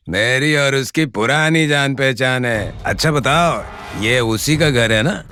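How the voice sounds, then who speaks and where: A man's voice: mid-range voice, takes it slowly, pushed and bright. An actor playing a pushy man who pleads and insists as he searches for a woman. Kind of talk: Hindi family drama acting.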